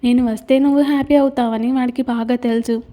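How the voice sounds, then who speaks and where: A woman doing a kind male teacher in an audio story who jokes lightly to cheer someone up. The voice stays high and mellow, with a warm, dark tone. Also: fairly even intonation, brisk, natural voice. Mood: reassuring. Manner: light, joking. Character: gentle teasing male teacher, good-humored.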